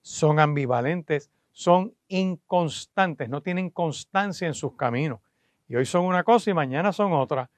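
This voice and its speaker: A man's voice: a little high, unhurried, no room sound. A man, a pastor preaching on the radio, teaching earnestly and addressing listeners directly, with frequent "eh" fillers. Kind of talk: radio sermon.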